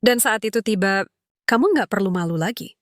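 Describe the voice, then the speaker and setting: A woman voicing a humble, remorseful middle-aged father who speaks gently and earnestly in a storybook dialogue. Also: medium pitch, expressive, a little fast, no echo, studio quality, lightly acted. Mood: promising.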